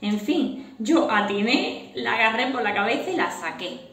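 A woman in her thirties telling a personal story to her viewers in a casual, animated way, laughing as she goes. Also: a little high, normal speed, recorded from a distance. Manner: animated, laughing while recounting. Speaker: vlogger. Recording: echoey room.

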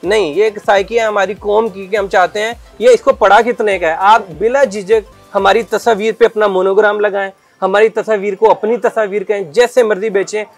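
A middle-aged man from Pakistan who owns a garment shop, giving a persuasive sales pitch and explaining at length in an interview. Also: steady tone, normal speed, few pauses, soft background music. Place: clothing shop indoors.

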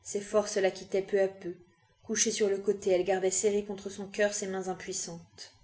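Woman reading a novel in an even tone. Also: mid-range voice, normal speed. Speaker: reader.

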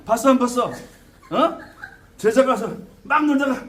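A man teaching students as a shaman teacher, lecturing in an animated way with frequent tag questions and laughter. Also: very high-pitched, measured pace. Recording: echoey room with faint background noise.

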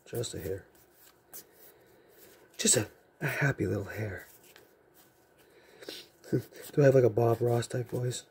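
A card collecting channel host from Massachusetts, with a softened local accent, chats in a rambling, jokey way while sorting trading cards in an indoor room lined with card shelves. His medium-pitched voice is gravelly and slightly rough, and he talks slowly with frequent pauses. A camera mic picks him up from off-camera.

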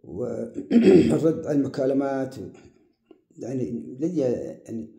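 A man giving casual advice as the host of his own show, talking at an unhurried pace and repeating words for emphasis. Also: medium pitch, expressive, creaky, warm tone, highs cut off. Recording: roomy echo.

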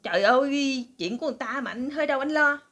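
A woman's voice: animated, fast, fairly bright tone. A woman voicing a fretful wife who fusses and squeals at her husband. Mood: fussing. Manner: high-pitched, fussing.

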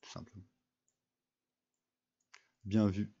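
A man's voice: fairly low pitch, monotone, takes it slowly, mellow, slightly rough, highs cut off. A young man giving casual, rambling commentary over a mobile game, full of fillers and restarts. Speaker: gaming video creator.

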